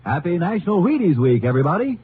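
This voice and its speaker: An American man announces in old-time radio style, his fairly high voice swinging widely in pitch. The broadcast sound is narrow and muffled with a little noise. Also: very animated, fast. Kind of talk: 1950s radio announcing with sponsor plug.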